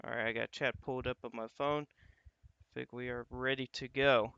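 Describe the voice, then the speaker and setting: A man hosts a live weather stream, talking through radar images in a loose, conversational way. His voice is bright and clear, with a dry, close sound. The audio is a little dull, like a home livestream mic. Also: medium pitch, steady tone, moderate pace, no room sound. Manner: casual, thinking aloud, frequent "uh" and "you got".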